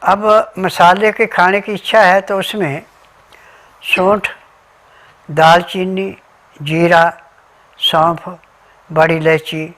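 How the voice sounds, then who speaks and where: A man's voice: sits high, little pitch movement, slow pace, long pauses, a bit bright. Methodical man explaining home remedies. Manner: methodical, lists remedies and diet rules step by step. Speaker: Ayurvedic remedy advisor. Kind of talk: instructional health talk.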